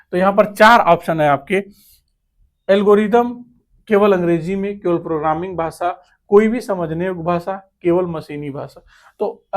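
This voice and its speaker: A man teaching computer basics, reading out quiz options, then asking and answering himself, with English terms mixed into his Hindi. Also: sits high. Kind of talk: explaining quiz questions step by step.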